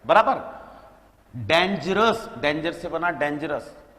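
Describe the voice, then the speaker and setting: Lively male teacher quizzing slowly. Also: fairly high pitch, big-room sound. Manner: quizzing students with repeated questions and answering himself; addresses listeners as beta, checks with "right?". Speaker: English teacher. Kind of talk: classroom grammar lesson.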